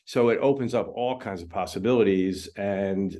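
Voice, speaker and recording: This man, a film editor, has a lowish voice and a moderate pace. His interview conversation is casual and talkative, marked by many fillers and repeated restarts.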